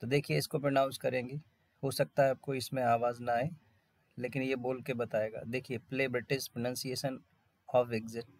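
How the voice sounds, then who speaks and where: Creaky-voiced male English teacher. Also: medium pitch, level tone, no room sound. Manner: explains in Hindi, reads English lines slowly. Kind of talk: online vocabulary lesson.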